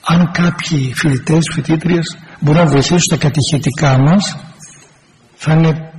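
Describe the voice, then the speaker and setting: Male parish priest, earnest pastoral talk, gravelly, faint hiss under a big hall reverb. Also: on the high side, steady tone, darkish tone. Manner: earnest, pastoral, acts out sample replies. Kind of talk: church talk to a congregation.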